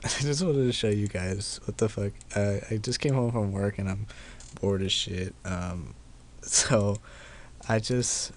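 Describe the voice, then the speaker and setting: A man's voice: on the low side, darkish tone, a little hiss or hum. A young man giving casual, profane gameplay commentary at his computer, laid-back and laughing often. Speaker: gaming video host.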